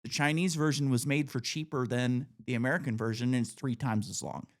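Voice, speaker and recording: A man in his late thirties hosts a relaxed podcast chat. He talks at a middle pitch, gives his opinions freely and keeps the talk going with "like" and "you know". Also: a little fast. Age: 30s. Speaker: podcast host. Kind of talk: casual podcast conversation.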